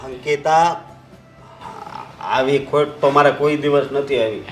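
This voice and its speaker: An actor playing a stressed son whose business is failing, in a short drama. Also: male voice, mid-range voice, slow pace, soft background music, natural voice. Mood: tense. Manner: tense, agitated.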